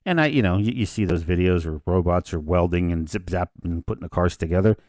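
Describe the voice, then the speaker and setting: A man's voice: low voice, fast talker, a little mellow, no echo, clean studio sound. A man in his fifties co-hosting a casual discussion podcast, rambling a little and often restarting his sentences. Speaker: podcast co-host.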